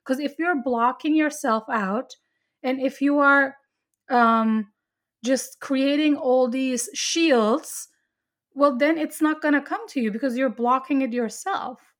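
A woman's voice: sits high, takes it slowly. A woman chatting casually, earnestly explaining her spiritual beliefs at length with frequent restarts.

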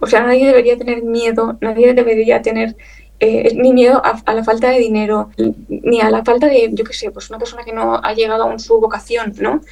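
A woman from Chile, a guest in an interview, telling her story in an emotional, animated way, full of fillers and quick laughs. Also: fairly high pitch, gravelly, far from the mic, low-quality recording. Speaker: guest, illustrator. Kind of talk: conversational interview.

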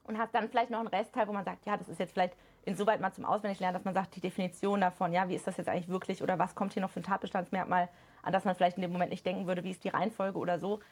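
A woman speaking as a podcast guest, explaining study methods at a brisk clip. Her voice has a gravelly, slightly husky texture. She talks in a casual, animated way with plenty of fillers. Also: on the low side. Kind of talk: casual chat.

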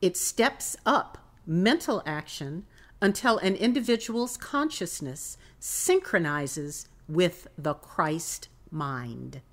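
Woman church podcast host, expressive and animated, slow-paced. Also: fairly low pitch. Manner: expressive, acts out voices in a story. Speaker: podcast host and pastoral nurse. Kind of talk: storytelling and devotional reading.

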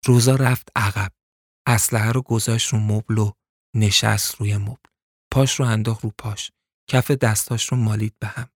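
A man's voice: on the low side, fairly even intonation, no echo, clean studio sound. Man narrating a suspense story. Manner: colloquial, suspenseful.

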